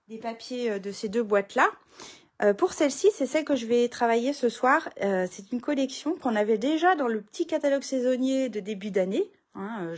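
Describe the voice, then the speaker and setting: A woman's voice: fairly high pitch, darkish tone, breathy edge. A middle-aged woman, chatting casually through a papercraft tutorial from her home craft room, full of fillers and restarts.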